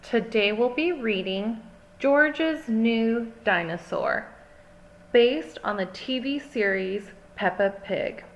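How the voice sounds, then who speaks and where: A woman reads a children's storybook aloud from a script, her voice on the high side, expressive and slow. She phrases everything carefully for small children.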